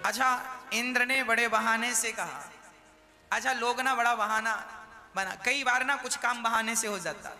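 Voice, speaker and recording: High-voiced preacher guy, slow folksy storytelling, big echoey hall, music under. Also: fairly even intonation. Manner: folksy, acts out characters. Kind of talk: devotional storytelling sermon. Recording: long hall reverb with music.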